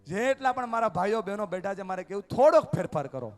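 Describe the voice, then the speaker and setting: Motivational speaker, man, high voice, rallies the crowd, faint music underneath. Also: sing-song, fast. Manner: calls out to the crowd for answers, swings from loud to hushed. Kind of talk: motivational talk to a family gathering. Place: outdoor family event at night.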